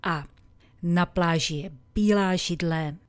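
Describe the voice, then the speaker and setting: A woman giving a scripted English lesson as a teacher, carefully and deliberately enunciating example words. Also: on the low side, smooth, no echo.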